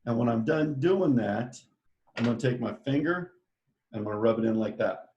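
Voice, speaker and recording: A man's voice: medium pitch, lively intonation, normal speed, darkish tone, highs cut off, slight background noise. Chatty, enthusiastic male art teacher. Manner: enthusiastic, chatty, directs students step by step. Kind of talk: art lesson for children. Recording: echoey room.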